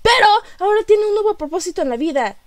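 A woman's voice: extremely high pitch, animated, fast talker, no room sound. A woman with a Mexican Spanish accent reacting to a game trailer, gushing and stammering, often repeating her words. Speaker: video game reaction youtuber. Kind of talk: excited reaction video.

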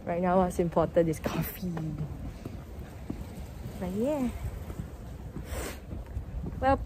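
A woman's voice: fairly low pitch, lively intonation, slow pace. Chatty young woman talking through a face mask. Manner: chatty, upbeat, thinking aloud. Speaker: travel vlogger. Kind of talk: casual vlog chat. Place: outdoors on busy city streets. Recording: outdoor street noise. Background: street and traffic noise.

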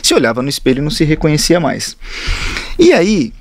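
Fast-talking man telling a salon story. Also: a little high, vocal fry, no room sound. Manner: lively, slangy anecdote telling. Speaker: hairdresser guest. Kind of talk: casual storytelling on a podcast.

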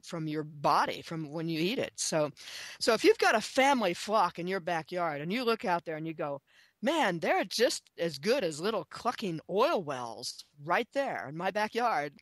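On a dry recording, a woman with a lowish voice talks as an interview guest, an author and authority on chickens. She speaks enthusiastically and emphatically, repeating phrases and asking questions.

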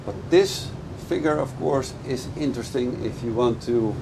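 A man's voice: medium pitch, normal speed, vocal fry. Man talking over a roaring boat engine. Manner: enthusiastic, explanatory, speaks over engine noise. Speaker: boat dealer giving a product review. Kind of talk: casual product walkthrough. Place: aboard a moving motorboat. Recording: loud engine and wind noise. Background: boat engine and water noise.

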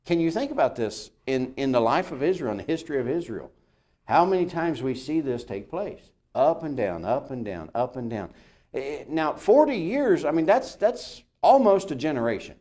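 A man's voice: a little high, normal speed. A man teaching a Bible lesson in a casual, joking way, laughing often. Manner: lively, laughs often, jokes with the room.

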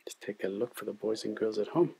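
A man's voice: fairly low pitch, a little fast, gravelly, mellow, husky. A man hosting a children's puppet show, explaining toy building to young viewers in a friendly way.

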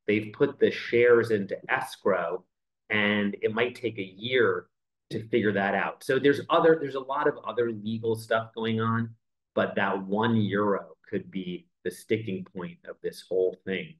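A man in his forties speaks over a video call from an indoor room. His voice sits a little low, and he lays out a news story in a relaxed, conversational way, leaning on "you know" as he goes. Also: unhurried, highs cut off. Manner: conversational, explains step by step with many "you know"s. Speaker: entertainment news editor. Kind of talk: remote news interview. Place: indoor room with framed poster behind.

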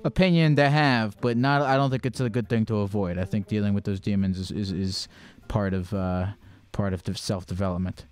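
A young man hosts a call-in show in a laid-back, rambling way, cracking jokes as he goes. His voice sits low, and soft music plays underneath. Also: steady tone, brisk, hardly any pauses, clean tone. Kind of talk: casual call-in advice chat. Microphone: stand mic.

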